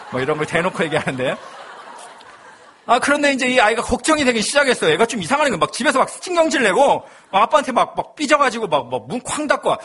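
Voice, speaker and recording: A man's voice: very high-pitched, big pitch swings, fast talker, bright, forceful tone, husky. A male pastor in his thirties, preaching a sermon with humorous personal storytelling.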